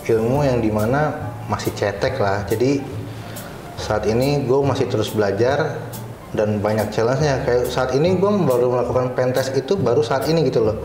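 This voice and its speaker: A man with a mid-range, slightly mellow voice speaks at a normal pace in a colloquial Jakarta Indonesian accent, with a little hiss or hum on the track. He's an interview guest, a cyber security supervisor, chatting casually and telling anecdotes in an informal, slangy storytelling style. The room is echoey, with faint music playing underneath.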